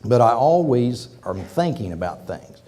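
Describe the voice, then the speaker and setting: In a university auditorium, a businessman in his fifties from Oklahoma gives a folksy, rambling guest lecture, often turning aside to address the audience while a cold steals his voice. He speaks in a warm, mid-range voice, a little slowly, with big swings in pitch.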